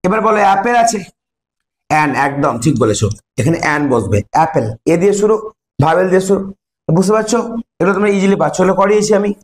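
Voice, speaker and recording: High-voiced man teaching an English lesson. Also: animated. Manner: explains step by step, asks questions and answers them himself; reads English sentences slowly, then translates. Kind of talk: classroom lesson in Bengali.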